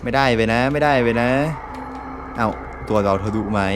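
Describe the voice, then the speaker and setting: A man's voice: medium pitch, moderate pace, noisy background. A man from Thailand giving jumpy, exclaiming commentary over a horror game, swearing often. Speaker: gameplay streamer.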